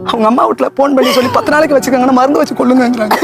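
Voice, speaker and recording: A woman's voice: sits high, fairly even intonation, racing. An older woman, a mother-in-law, arguing insistently on a TV dispute show and adding "ma'am" to her sentences. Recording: TV audio with music laid over.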